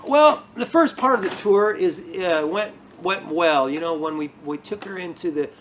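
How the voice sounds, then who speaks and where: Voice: medium pitch, lively intonation, moderate pace, a little hiss or hum, lightly acted. A person playing an office manager who leads a tour in a mockumentary comedy, talking hesitantly with many fillers and restarts.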